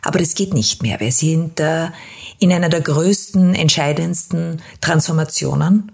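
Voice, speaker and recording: Low-voiced woman hosting an interview. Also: moderate pace, gravelly, darkish tone, breathy edge. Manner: long, winding questions with frequent hesitations. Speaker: podcast host.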